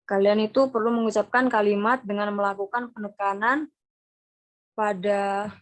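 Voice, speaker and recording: A young woman with an Indonesian accent presenting an online class lesson over a video call, explaining slowly and repeating key terms. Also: medium pitch, steady tone. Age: young adult. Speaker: student presenter.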